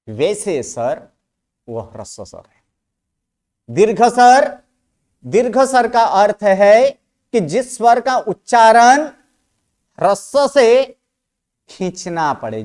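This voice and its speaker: A male teacher giving a classroom lecture. His pitch rises and falls a great deal, and he speaks at an unhurried pace. He keeps asking his class questions and going back over each point. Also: a little mellow. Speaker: Sanskrit grammar teacher. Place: classroom, writing on a board.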